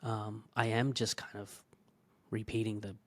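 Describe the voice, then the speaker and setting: A man's voice: on the low side, level tone, unhurried. A man, a fitness business owner, telling a personal story in a candid, emotional way, swearing freely and dropping almost to a whisper at the hurtful parts.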